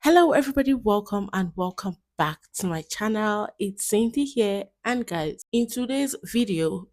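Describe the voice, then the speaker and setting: A woman hosting a commentary channel, talking in a chatty way and reacting to clips. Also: medium pitch. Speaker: YouTube host.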